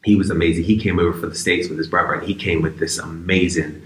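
Male interview guest from Bristol, low forceful voice, casual and reflective. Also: little pitch movement, quick pace, a little hiss or hum. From Bristol, England. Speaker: basketball player, interview guest. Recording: roomy, echoey sound.

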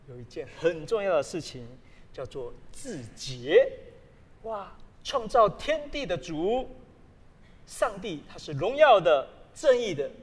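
A man preaching a sermon as a pastor, telling stories with sudden loud exclamations. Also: sits high. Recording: long hall reverb.

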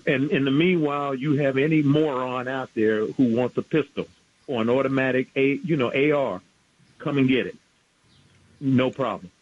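A man's voice: mid-range voice, steady tone, normal speed. A man in his sixties from New York, calling in to a radio show over a clipped phone line and speaking bluntly and indignantly. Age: 60s. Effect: clipped, muffled phone line. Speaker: radio call-in caller. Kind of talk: phone-in opinion.

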